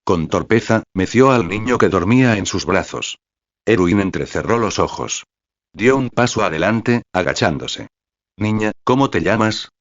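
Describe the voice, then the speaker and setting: A man's voice, synthetic-sounding, reads a fan fiction audiobook in an even, flat way. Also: low-pitched, moderate pace, no echo. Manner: even, flat reading that spells out web addresses. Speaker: narrator. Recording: dry, slightly dull lo-fi sound.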